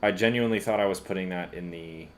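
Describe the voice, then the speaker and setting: A man composing on a live stream, thinking aloud in a halting, casual way with lots of fillers and self-deprecating asides. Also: low-pitched, slight background noise. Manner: halting and musing, many fillers, laughs at himself.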